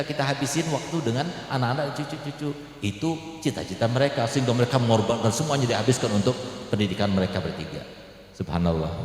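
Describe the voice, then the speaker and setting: A man from Indonesia preaching a sermon, emphatic, swinging between loud exclamations and quiet asides. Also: low-pitched. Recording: echoey hall.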